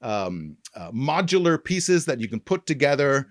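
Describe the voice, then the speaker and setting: A man's voice: medium pitch, sing-song, moderate pace, no room sound, studio quality. A man who works as a voice actor, chatting animatedly and laughing often while giving tips. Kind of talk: casual chat.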